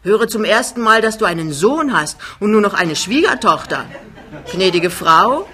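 A woman's voice: medium pitch, lively intonation, normal speed, pitched above the performer's own voice. A woman voicing a big, cheerful man who talks his way out of everything, in an audiobook reading. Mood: jovial. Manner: breezy, loud, smooth-talking. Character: big cheerful male giant, glib charmer.

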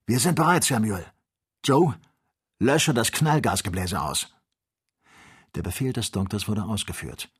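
A man reading an adventure novel aloud as an audiobook, with measured, expressive storytelling. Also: fairly low pitch, breathy edge. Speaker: audiobook reader. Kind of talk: scripted audiobook narration.

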